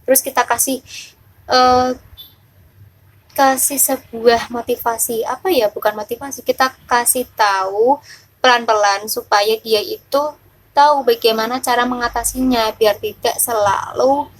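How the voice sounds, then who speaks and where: A young woman teacher talking casually about a pupil, hesitant, with many fillers and pauses. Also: fairly high pitch, steady tone, rough recording. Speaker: kindergarten teacher. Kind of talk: casual talk on a child's behaviour.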